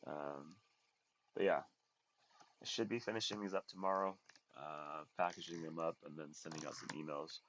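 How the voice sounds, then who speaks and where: A man's voice: very deep voice, steady tone, moderate pace, long pauses, a bit bright, a little hiss or hum. A man chatting casually while he works, rambling unhurriedly with plenty of fillers, in his home workshop. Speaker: maker livestreaming his workbench. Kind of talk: casual chat while working. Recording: dull lo-fi audio.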